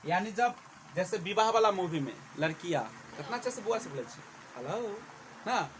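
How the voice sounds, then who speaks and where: A man's voice: sits high, lively intonation, a little hiss or hum, low-quality recording. A man teaching English in a classroom, questioning his students as he explains. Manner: quizzes the class, slow and drawn out. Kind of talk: classroom lecture.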